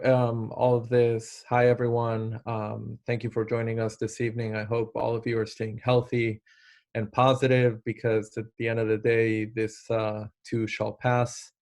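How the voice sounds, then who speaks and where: A man's voice: mid-range voice, darkish tone. A man in his thirties from Argentina, giving an online lecture in an earnest way with many fillers and restarts. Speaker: instructor.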